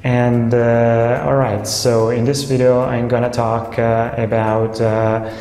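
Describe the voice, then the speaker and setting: This young Italian online language tutor chats casually to camera about tutoring, his speech full of hesitant fillers. He has a mid-range, slightly mellow voice with a level tone and slow pace. The room is echoey, with long reverb.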